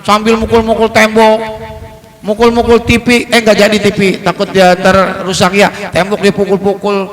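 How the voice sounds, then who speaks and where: Male preacher, high-pitched, jokey storyteller, quotes Arabic, reverberant hall. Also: fairly bright tone. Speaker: Islamic preacher. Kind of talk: humorous sermon to a congregation. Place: mosque hall.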